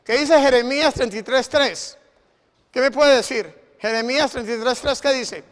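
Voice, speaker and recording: A male preacher with a Latin American Spanish accent, giving a sermon and quizzing the congregation with questions, often halting and repeating words. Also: extremely high pitch. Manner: call-and-response questions to the congregation. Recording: hall reverb.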